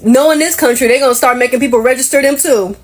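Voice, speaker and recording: High-voiced woman ranting in frustration. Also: fast talker. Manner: exasperated, ranting, profane. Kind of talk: casual rant to camera.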